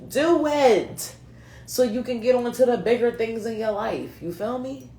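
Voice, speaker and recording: Here the same card reader, a woman nearly forty whose accent blends New England, Philadelphia, North Carolina and Delaware, talks directly to viewers in a relaxed, slangy, conversational style. Her warm voice sits on the high side and keeps a measured pace. The room is echoey, and there's a little hiss or hum.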